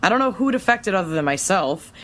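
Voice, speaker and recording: A woman voices an eager, excitable superhero who is a hacker and scientist in an audio drama, delivering her lines expressively. Her medium-pitched voice sounds natural and brisk, with an intent, analytical mood.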